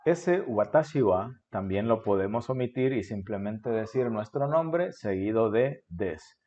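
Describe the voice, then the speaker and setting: A man's voice: lowish voice, animated, unhurried, mellow, lo-fi sound. A Honduran man in his forties with a Honduran Spanish accent, patiently explaining a beginner language lesson and often checking in with "ok?". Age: 40s. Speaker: Japanese teacher.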